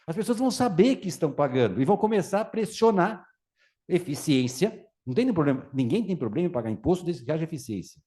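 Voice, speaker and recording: A man with a Brazilian Portuguese accent talks to an audience, swinging his voice widely up and down. He acts out small scenes in other voices. His tone is darker and mellow. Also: on the high side, quick pace. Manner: animated, acts out voices in anecdotes. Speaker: speaker on tax reform. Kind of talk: lively public talk with acted anecdotes.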